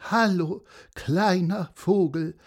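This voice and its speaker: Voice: medium pitch, very slow, pitched above the performer's own voice. A storyteller voicing a melodramatic, weepy horse with a weak, sobbing voice. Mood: wailing. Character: weepy dramatic horse claiming to be a seahorse.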